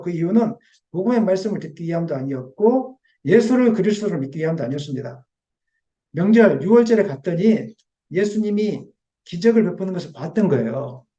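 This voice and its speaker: High-voiced preaching pastor, mellow tone. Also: male voice, muffled recording. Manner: animated preaching, acting out quoted voices, softening to quiet confession. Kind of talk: sermon. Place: church sanctuary.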